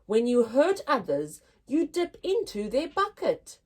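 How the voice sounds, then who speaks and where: Her pitch is fairly high as she hosts a children's story time. She reads the picture book aloud in a deliberate, expressive, teacherly manner for her young audience.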